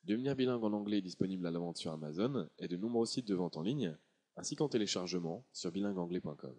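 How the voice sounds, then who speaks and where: A man reading a scripted promotional voice-over about his own book, in a steady, measured delivery. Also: deep voice, breathy edge. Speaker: author presenting his book.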